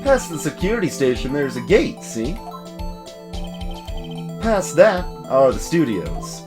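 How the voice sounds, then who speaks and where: A man voicing a gruff, folksy, bumbling male police detective in a fan-voiced game playthrough, tagging his lines with "see?". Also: a little high, sing-song, slow pace. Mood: explaining. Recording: music playing behind the voice.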